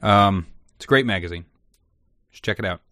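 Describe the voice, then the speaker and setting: A man's voice: on the low side, normal speed, bright, forceful tone, no echo, clean studio sound. A man hosting a podcast in an informal, sweary, chatty way. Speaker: podcast host. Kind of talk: casual chat.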